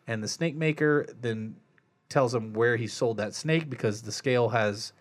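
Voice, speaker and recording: A man's voice: mid-range voice, moderate pace. Man, casual chat, filler words, rambling, mid-range voice. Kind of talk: casual movie discussion.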